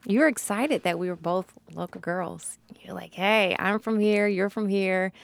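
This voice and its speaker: A woman's voice: mid-range voice, moderate pace, vocal fry, no echo. A woman in her thirties from Kansas City, talking in a chatty, casual way with some laughter. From Kansas City, Missouri. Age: 30s. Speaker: interviewer. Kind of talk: casual conversation.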